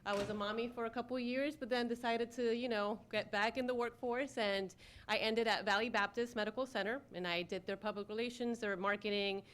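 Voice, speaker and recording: Speaking briskly with fairly even intonation, this woman has a slightly high, fairly bright voice. She's middle-aged, Ecuador-born and Florida-raised, a former newscaster now newly hired as city communications director, presenting herself at a public meeting in a city commission room.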